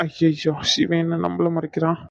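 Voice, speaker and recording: A man's voice: on the high side, monotone, normal speed, vocal fry, fairly bright tone, no room sound, lo-fi sound. A man voicing a timid, wary elder brother in a cartoon, grumbling nervously.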